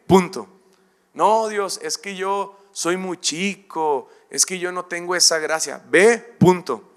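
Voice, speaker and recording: A man with a Mexican Spanish accent delivers a sermon as a pastor. His voice sits fairly high for a man. He acts out quick dialogues in shifting voices and jokes with the congregation. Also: a bit bright.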